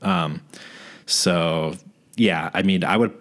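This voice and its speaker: A man's voice: deep voice, slow, fairly bright tone. A man co-hosting a podcast in casual chat, easygoing and storytelling, often searching for the right words. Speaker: podcast co-host.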